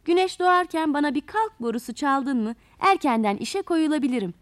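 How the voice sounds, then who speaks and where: A woman voicing a stern but kind-hearted water plant in a storybook tale, scolding at first and then lecturing gently. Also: high-pitched, animated, brisk, no room sound. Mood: firm, kindly.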